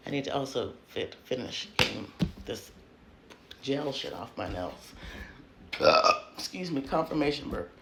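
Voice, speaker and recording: A woman giving a casual tarot reading on her vlog, frank and crude, swinging between hushed whispers and loud bursts, filmed on a phone propped up at home. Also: rumbling low, lively intonation, measured pace, vocal fry, long pauses, background noise. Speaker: tarot reader.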